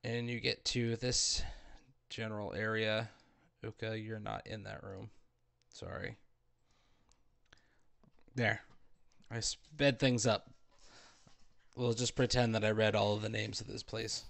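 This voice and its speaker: A man narrating as dungeon master of a tabletop game over voice chat, reading descriptions slowly with some stumbles. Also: fairly low pitch, little pitch movement, vocal fry, a bit bright.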